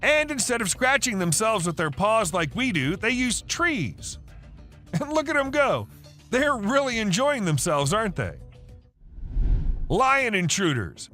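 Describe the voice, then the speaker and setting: A man narrates wildlife videos in a high, bright voice with lots of melodic movement. He tells each story chattily, with asides to the listener, as music plays underneath.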